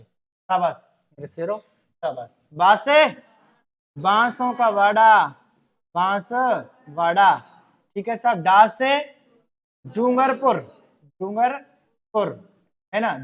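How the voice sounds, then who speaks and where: A male teacher with a Rajasthani Hindi accent, giving a loud, emphatic classroom lecture in a classroom and drilling words syllable by syllable. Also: high voice, lively intonation, takes it slowly, long pauses. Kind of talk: classroom lecture with memory trick.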